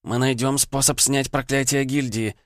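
A man voicing a frightened, pleading seventeen-year-old girl in an audiobook, speaking softly. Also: mid-range voice, steady tone, moderate pace, dry recording, clean studio sound, pitched above the performer's own voice, natural voice. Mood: determined. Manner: soft, pleading voice.

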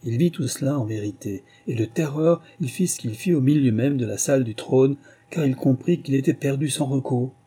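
Dark, husky male storyteller. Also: medium pitch, normal speed. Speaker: audiobook narrator. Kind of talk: storybook narration.

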